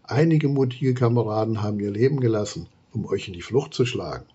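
Angry little guard termite, put on by a male reader, husky, muffled lo-fi sound. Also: mid-range voice, expressive, measured pace, mellow. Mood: indignant. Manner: indignant, clipped.

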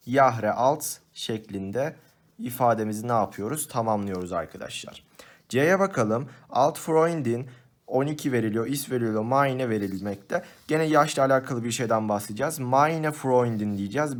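Male teacher, mid pitch, patient step-by-step exam walkthrough. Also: lively intonation, normal speed. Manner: patient, step-by-step explaining, addresses students as friends. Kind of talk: exam-prep lesson walkthrough.

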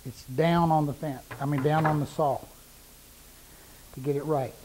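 A man's voice: a little high, steady tone, moderate pace, a little mellow, slight background noise, rough recording. A middle-aged man demonstrating cuts in his woodworking shop, plain-spoken and repeating points for emphasis while he works, on a lapel mic. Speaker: woodworking instructor. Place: woodworking shop with power saws.

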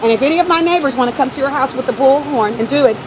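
She speaks very fast in a voice that sits high: an American woman from the neighborhood arguing and negotiating with a protester beside city traffic. She keeps repeating herself and interrupting. The recording is from a handheld phone, with noisy street sound outdoors.

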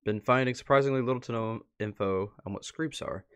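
With a smooth, slightly bright voice at medium pitch, a man talks a little fast while reading posts aloud on a relaxed livestream. He sits indoors at his computer, muttering asides to himself between comments.

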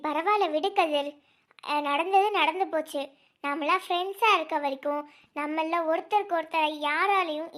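Bright high-voiced woman in a horror skit. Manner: anxious, exclaiming. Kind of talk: amateur horror drama acting.

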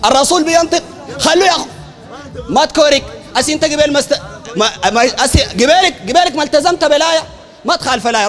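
A man with a Sudanese Arabic accent, a preacher arguing emphatically in a heated public debate, often shouting and repeating phrases. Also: very high-pitched, in a large hall. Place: university hall.

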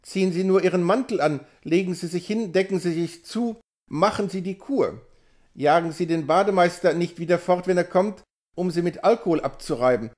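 A man's voice: high voice, normal speed, darkish tone, lightly acted. A man reading an audiobook, voicing a fussy, motherly woman who pleads in a raised, imploring voice. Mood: pleading.

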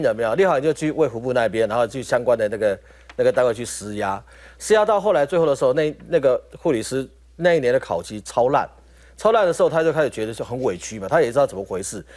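Quick-talking taiwanese mandarin guy on a talk show, pitch jumping around. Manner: fast animated storytelling.

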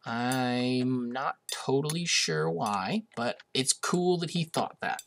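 A young man with a mid-range, expressive, slightly bright voice hosts a gaming video at a slow pace. He's getting over a cold and sounds a bit sniffly, chatting casually and amusedly while he plays, with lots of hesitant uhs. It's relaxed let's-play commentary.

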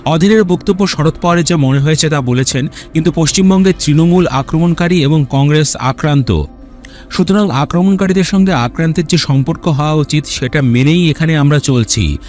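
A man's voice: on the high side, brisk, a little mellow. Man reading news over music. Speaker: news narrator.

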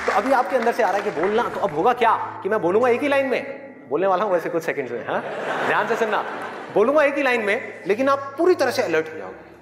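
Male motivational speaker, high-pitched, rhetorical and playful, recorded live in a reverberant hall. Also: very animated, fast talker, over a noisy crowd, very noisy. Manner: rhetorical, playful, questions the audience. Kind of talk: live motivational talk to students. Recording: echoey hall, live audience, faint music.

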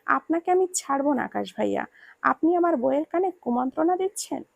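A woman's voice: sits high, expressive, a little fast, gravelly, no echo, muffled recording. A woman reading the lines of a hot-tempered, teasing young husband in a storybook reading. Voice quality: gritted, scolding delivery.

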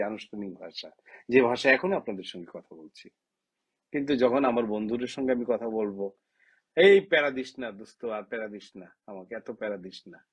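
A husky-voiced man speaks straight to the camera, a writer from Bangladesh making his case. He keeps firing impassioned rhetorical questions at his listeners. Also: mid-range voice. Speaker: writer giving a talk. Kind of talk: direct-to-camera opinion talk.

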